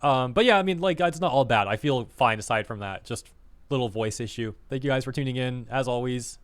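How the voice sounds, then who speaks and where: A male vtuber commentator rants casually and scornfully, packing in fillers as his words spill out fast in bursts. His medium-pitched, fairly bright voice sounds slightly hoarse, as if going, yet beneath that it remains smooth and resonant.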